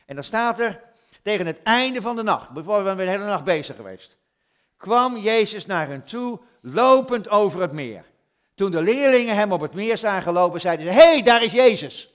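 Guy preaching in a church, fairly high voice, chatty storytelling. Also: expressive, normal speed, fairly bright tone. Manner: conversational storytelling with rhetorical questions. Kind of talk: sermon.

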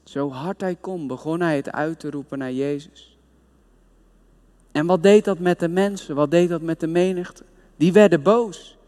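High-voiced preacher in a reverberant hall. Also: male voice, moderate pace, dark tone. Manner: emphatic storytelling, retelling scripture scenes. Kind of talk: sermon.

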